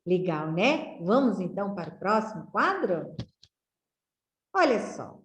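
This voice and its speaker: Slow, sing-song woman teacher. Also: mid-range voice, sing-song. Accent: Brazilian Portuguese. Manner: sing-song syllable drilling, friendly questions to kids. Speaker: literacy teacher. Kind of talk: slow, clearly enunciated lesson for young children. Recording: echoey room.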